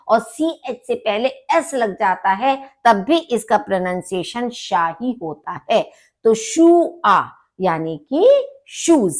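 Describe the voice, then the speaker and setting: A woman teaching a vocabulary lesson, saying each word twice with emphasis before explaining it. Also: fairly high pitch. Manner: repeats each word slowly, stressing it. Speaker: language teacher.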